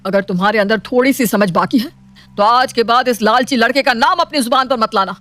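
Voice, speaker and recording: A woman voicing a strict, proud, wealthy middle-aged father in an animated storybook, scolding and commanding. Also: on the high side, brisk, soft background music, lightly acted. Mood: lecturing.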